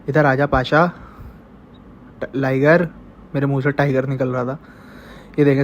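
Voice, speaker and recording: A man with a blocked-up, congested voice talks through a casual home vlog, calling the animals over in an even, unvarying tone. The sound is slightly dull, with faint ambience behind him, as if picked up on a handheld phone in an animal pen. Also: medium pitch, slight background noise. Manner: chatty, coaxing the animals directly. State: congested and stuffy. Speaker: vlogger raising goats and chickens at home. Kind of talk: casual narrated farm vlog.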